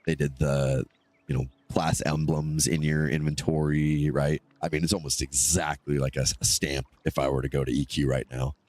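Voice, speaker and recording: Gaming on a live stream with a cold-clogged nose, this man drifts between topics in chatty fashion and responds to what his viewers write. He has a very deep, darkish voice with flat delivery at a normal speed.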